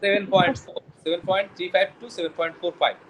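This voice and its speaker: A man lectures a biology class at a quick clip in a high voice, often quizzing his students and stumbling over technical words. Faint room ambience sits behind him. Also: fairly even intonation, fairly bright tone, slight background noise, rough recording. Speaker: biology teacher.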